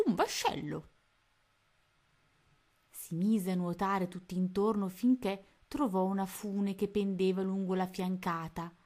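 A woman narrating a children's storybook aloud at a gentle, unhurried pace. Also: mid-range voice, fairly even intonation. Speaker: reader of children's books.

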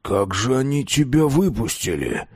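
A man's voice: mid-range voice, big pitch swings, unhurried, slightly rough, no room sound, studio quality. A man reading the part of a cynical older official, a grandfather who rants irritably about everyone around him. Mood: defensive. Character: bitter older male official, grey-haired grandfather.

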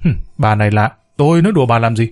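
A man voicing a gruff, sleepy middle-aged male neighbor in a spoken story, talking bluntly. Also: mid-range voice, animated, quick pace, soft background music, lightly acted.

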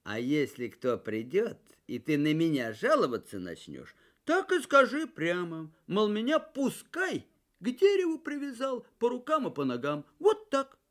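A man's voice: sits high, huge pitch swings, unhurried, fairly bright tone, pitched above the performer's own voice, heavily acted. A man voicing a stern soldier who lectures and scolds a lazy lad, in a folk tale. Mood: scolding. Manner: lecturing, reproachful.

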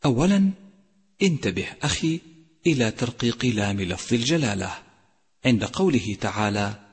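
Man teaching quran recitation, slow and careful, chants the example words, kinda husky, long reverb on it. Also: medium pitch, lively intonation. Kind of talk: tajweed lesson with recited examples.

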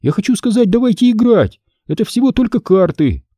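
A man's voice: sits high, very animated, fairly quick, mellow, no room sound, studio quality, voice pushed up. A man reading an audiobook, voicing a bold, bossy girl who talks dismissively and impatiently. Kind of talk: audiobook character voice.

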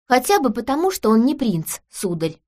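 Woman doing a young girl, higher voice, calm and serious, plain-spoken. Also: normal speed. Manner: calm, matter-of-fact, serious. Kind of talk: audiobook character reading.

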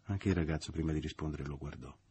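A man narrating a classic novel as an audiobook, in a measured, subdued and expressive reading. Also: a bass voice, a little hiss or hum.

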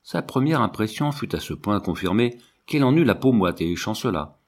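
A man reading a classic novel aloud in a measured, expressive narration. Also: fairly low pitch. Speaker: audiobook reader.

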